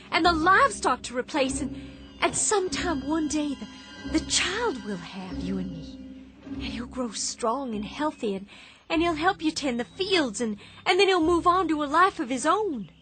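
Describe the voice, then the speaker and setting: In a radio drama, an actress with a high, expressive voice plays a young farm wife, speaking emotionally and pleadingly with halting restarts over music.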